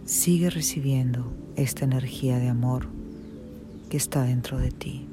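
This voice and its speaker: A narrator leads a guided meditation in the soothing, hushed manner of a sleep story, leaving long pauses between phrases. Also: mid-range voice, fairly even intonation. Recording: music behind the voice.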